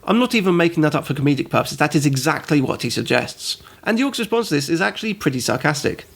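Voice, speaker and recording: A man narrates a comedic game review in a sarcastic, rambling way. His voice is a touch high and has a gravelly edge. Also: sing-song, fast. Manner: sarcastic, goes off on tangents. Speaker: host and reviewer.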